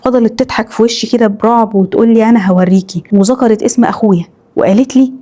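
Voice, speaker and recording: Fast-talking Egyptian woman telling horror stories. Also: fairly high pitch, steady tone, warm tone. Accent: Egyptian Arabic. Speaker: storyteller reading followers' horror stories. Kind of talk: horror story narration.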